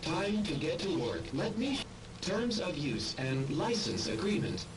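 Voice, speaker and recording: A calm, glitchy helper drone computer. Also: male voice, fairly high pitch, distant mic, background noise. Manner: polite, measured, repeats set phrases. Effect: calm machine computer voice.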